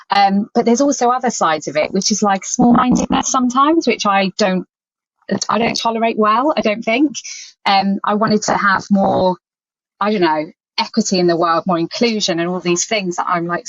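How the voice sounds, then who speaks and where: Podcast guest: chatty, informal woman from mid Wales, lowish pitch, slightly dull audio. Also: no echo. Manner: chatty and informal, peppered with 'like' and 'you know'. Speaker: podcast guest, workplace wellbeing consultant. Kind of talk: casual conversational interview answers.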